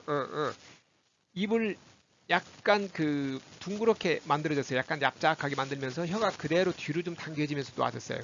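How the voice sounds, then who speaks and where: A man with a Korean accent teaching English pronunciation in a recorded lesson, drilling word lists by repeating each word slowly and clearly. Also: a little high, dull audio, a little hiss or hum.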